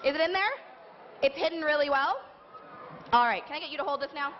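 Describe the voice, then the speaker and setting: A woman's voice: high-pitched, fairly quick. A woman presenting a live children's science and magic show in the playful manner of a kids' party magician, prompting the audience to join in. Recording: muffled live event recording, noisy crowd. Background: crowd of an audience, background noise.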